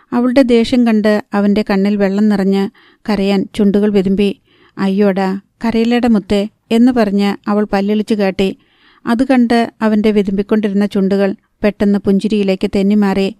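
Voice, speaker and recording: A woman narrating a novel as an audiobook, calm and steady, on a close microphone. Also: medium pitch, normal speed, smooth, no echo.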